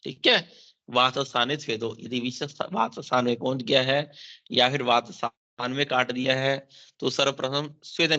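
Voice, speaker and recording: Bright-voiced man teaching exam verses. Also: medium pitch. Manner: explains Sanskrit verses line by line, repeats key terms; mixes in English terms, frequent "theek hai" check-ins. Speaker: Ayurveda teacher. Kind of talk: exam-focused lecture. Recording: dull lo-fi sound.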